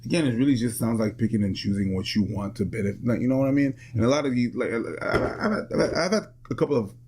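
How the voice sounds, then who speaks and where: A man's voice: medium pitch, quick pace, darkish tone, a little hiss or hum. A man arguing bluntly on a podcast panel, dismissive of the other side. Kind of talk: podcast debate.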